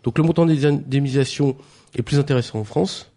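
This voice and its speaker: A man's voice: mid-range voice, brisk, dark tone. A man presenting a radio press review, hesitant, with many fillers and restarts. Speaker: news columnist.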